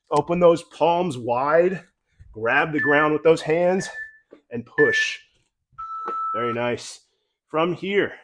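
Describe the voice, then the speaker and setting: A man leads a mobility warm-up while doing each move himself, so his breath runs a little short. His voice sits fairly high for a man, and he talks viewers through it in a calm, encouraging way. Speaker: mobility coach. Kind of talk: guided exercise instruction.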